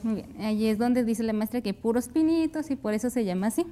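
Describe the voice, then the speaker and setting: High mellow-voiced woman teaching English. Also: lively intonation, fast talker, slight background noise. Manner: drills English pronunciation, repeats words, short affirmations. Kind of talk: televised classroom lesson.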